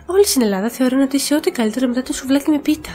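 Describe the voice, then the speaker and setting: Woman playing sly, high-voiced young Meg. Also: lively intonation, warm tone. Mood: wry, teasing. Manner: sardonic, teasing. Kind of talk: animated film fan dub.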